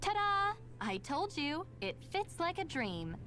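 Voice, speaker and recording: A woman's voice: extremely high pitch, sing-song, unhurried, a bit bright, heavily acted. An actress playing a perky, teasing young rebel woman in a video game dub. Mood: cheerful, teasing. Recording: game music over the voice.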